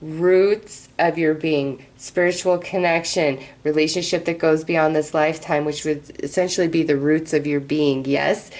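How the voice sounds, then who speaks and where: A woman's voice: low voice, slight background noise. Woman giving a chatty mystical horoscope reading. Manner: chatty, reassuring, addresses listener directly. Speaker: astrology tarot reader, host.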